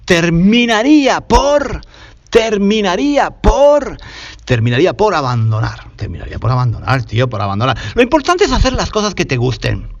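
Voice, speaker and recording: A man from Spain with a Spanish accent, hosting a Spanish lesson podcast from home, talking loudly and passionately, repeating himself, now sweaty and tired. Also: mid-range voice, sing-song, fast talker, creaky, few pauses, muffled recording. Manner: passionate, loud, repetitive. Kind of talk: energetic podcast lesson for learners.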